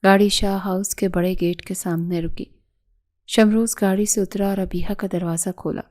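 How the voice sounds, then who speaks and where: A woman narrating a dramatic audio story in a steady, emotive way. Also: mid-range voice.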